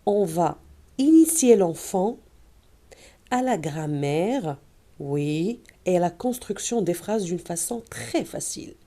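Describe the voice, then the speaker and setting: A woman teacher walking parents through an early reading lesson, modeling vowels and words slowly for children. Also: lowish voice, expressive, dark tone.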